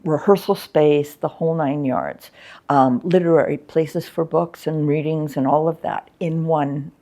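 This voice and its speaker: Older woman, low gravelly voice. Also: dark tone. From Canada. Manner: candid and frank, chatty with many fillers. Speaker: interviewee, former arts coordinator. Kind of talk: reflective interview chat.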